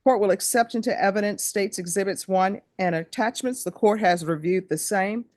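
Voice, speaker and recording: A woman speaking as a judge in court, reciting formal legal questions in a brisk, procedural, authoritative courtroom manner. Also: medium pitch, a little mellow, no echo, clean studio sound. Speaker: judge presiding over a plea hearing.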